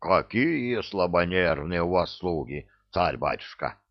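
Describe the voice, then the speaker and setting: A man's voice: deep voice, big pitch swings, a little slow, dry recording, highs cut off, heavily acted. A man voicing a cheeky, glib young adventurer who wheedles, in an audiobook. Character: cheeky young male adventurer, smooth-talking chancer.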